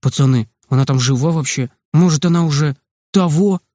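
A man's voice: fairly high pitch, fairly quick, mellow, no echo, clean studio sound, close to an everyday voice. A man reading aloud voices a bold boy at summer camp who exclaims and calls out. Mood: excited.

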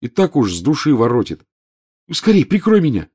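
Man doing blunt teenage schoolboy, grumbling, louder and higher, audiobook. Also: wildly swooping pitch, moderate pace, slightly rough.

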